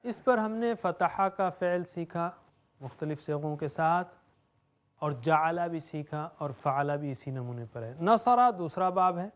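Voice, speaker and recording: A man's voice: a little high, expressive. A man teaching Quranic Arabic grammar, drilling verb forms in a rhythmic chant and explaining in between.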